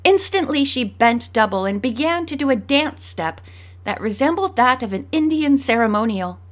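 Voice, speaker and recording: A woman narrating an audiobook, shifting her pitch and pace to voice each character. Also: animated, normal speed.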